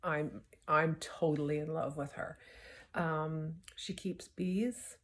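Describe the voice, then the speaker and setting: Woman, cross stitch vlogger, casual chat, playful, repeats words, lower pitch, roomy echo. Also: fairly even intonation, takes it slowly. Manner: chatty, playful, repeats words as she restarts.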